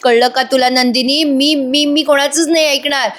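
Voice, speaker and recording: Woman reading a loud scolding aunt. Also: high voice, fairly even intonation, normal speed, voice pushed up. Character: shouting stubborn middle-aged aunt, overprotective mother.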